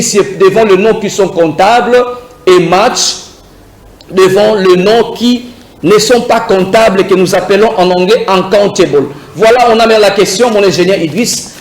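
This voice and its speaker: A man teaching English to beginners on a TV show, drilling words slowly and cheering his students on. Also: high-pitched, echoey room, low-quality recording. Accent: French-speaking African. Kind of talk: beginner English lesson on TV with phone-ins.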